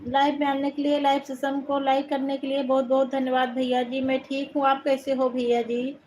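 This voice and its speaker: Reading out comments on her live stream, an Uttar Pradesh woman with an Awadhi-flavored Hindi accent chats casually and thanks viewers one at a time, warmly addressing them as brother. She speaks at normal speed in a high-pitched, completely flat voice, and the rough recording has a slight hiss or hum.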